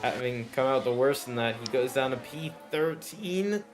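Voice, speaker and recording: A man's voice: mid-range voice, lively intonation, moderate pace, faint music behind. A man giving live motorsport commentary on an online race, following the action in short running phrases. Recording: clearly noisy background.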